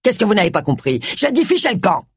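Reader voicing a curt fifty-something Scottish pastor, husky, cold, clipped. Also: medium pitch, very animated, a little fast, darkish tone, dry recording, clean studio sound. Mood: angry.

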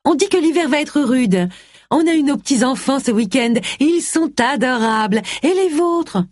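A woman's voice: expressive, normal speed, darkish tone, dry recording, studio quality. A woman voicing a chatty, nosy elderly female neighbour in an audiobook. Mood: prying. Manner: prying, sugary and high.

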